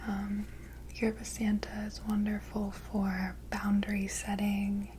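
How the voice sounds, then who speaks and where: Airy, breathy whispering woman, gentle mystical healer. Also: mid-range voice, completely flat delivery, slow pace, slight background noise. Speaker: ASMR reiki energy healer. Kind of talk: whispered role-play, ASMR energy healing.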